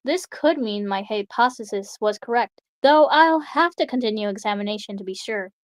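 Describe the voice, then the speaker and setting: A woman's voice: medium pitch, animated, normal speed, no room sound, lightly acted. A woman reading aloud as a female experimenter dictating her research logs in a matter-of-fact way. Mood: clinical. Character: calm clinical female experimenter writing logs.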